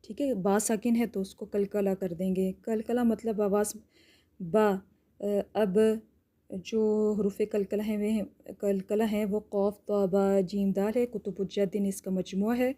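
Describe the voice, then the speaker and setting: A woman teaching Quran recitation rules. She explains each rule patiently and step by step, often checks in with "theek hai?", and stretches out words slowly to demonstrate. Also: mid-range voice, fairly even intonation, dark tone. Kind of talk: tajweed lesson with slow drawn-out demonstrations.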